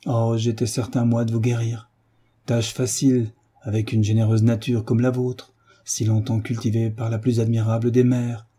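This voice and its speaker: A man's voice: mid-range voice, little pitch movement, moderate pace, mellow, slightly rough, lightly acted. A man reading the part of David, a fervent, idealistic male tutor, speaking in an impassioned, oratorical way in an audiobook. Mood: tender.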